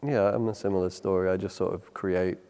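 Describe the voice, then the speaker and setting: A man interviewing in a casual, low-key and somewhat hesitant way. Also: steady tone, brisk, warm tone. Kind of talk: casual chat. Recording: reverberant, noisy room sound.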